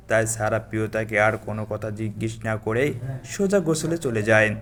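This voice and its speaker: Man narrating a love story, mid pitch.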